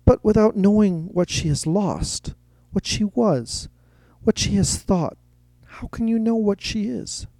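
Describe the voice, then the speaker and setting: Storybook old gentleman collector, insistent and lecturing, voiced by a man, dark mellow tone. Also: high-pitched, unhurried, vocal fry, dry recording, voice pushed up. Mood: emphatic. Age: older. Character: old male art collector, refined, opinionated.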